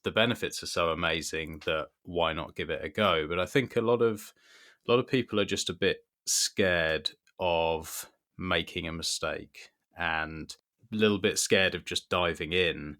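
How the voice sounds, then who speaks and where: Deep, bright-toned male podcast host. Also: measured pace. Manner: engaged, encouraging questions. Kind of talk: conversational interview.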